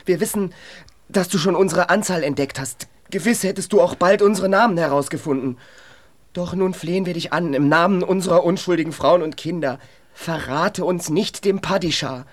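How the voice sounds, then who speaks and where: An actor playing a bossy, scheming male palace guard in a children's radio play, gruffly scolding his companion with colorful insults. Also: high-pitched, normal speed, big-room sound, close to an everyday voice. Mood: pleading.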